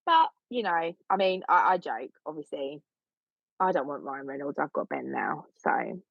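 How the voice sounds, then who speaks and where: A woman's voice: sits low, sing-song, normal speed, vocal fry, no echo. Woman podcast cohost, cheeky and blunt, kinda muffled dry sound. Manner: candid, jokey and blunt. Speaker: podcast co-host. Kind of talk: casual chat. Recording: slightly dull, dry recording.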